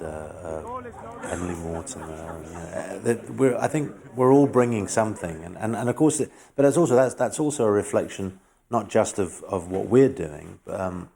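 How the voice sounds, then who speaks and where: A man's voice: low voice, creaky, dark tone, slight background noise. A man giving a press junket interview, hesitant and full of restarts. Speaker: actor interviewed about a film.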